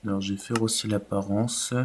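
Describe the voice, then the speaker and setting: Low-voiced man narrating gameplay. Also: fairly quick, noisy background. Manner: relaxed, rambling, many fillers. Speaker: gaming YouTuber. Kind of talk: casual gameplay commentary.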